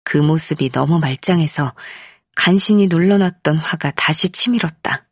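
A woman narrating a first-person literary audiobook in a measured, expressive way, in a studio. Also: low voice, breathy edge, dry recording. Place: recording studio. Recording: dry studio.

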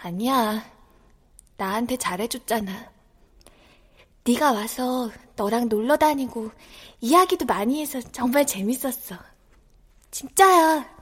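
Woman doing a soft little kid, resigned and gentle, audio drama. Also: on the high side, husky. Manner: plain and soft, later quiet and resigned. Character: poor, gentle young child facing its death.

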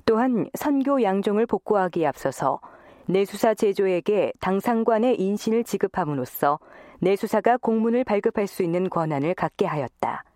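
A speaker reading a scholarly passage aloud in an even, formal way. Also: mid-range voice, normal speed, dry recording, studio quality.

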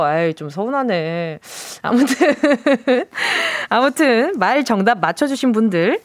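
A woman's voice: fairly high pitch, darkish tone, dry recording. A woman radio DJ in a studio, playfully chatting and reading out listener messages. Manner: playful, chatty, reads listener texts with quick reactions. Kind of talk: casual radio show chat. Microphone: studio mic.

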